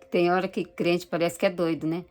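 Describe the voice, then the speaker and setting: A woman giving a personal religious testimony, speaking haltingly and searching for words. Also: lowish voice, little pitch movement, a little mellow. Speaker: church member giving testimony.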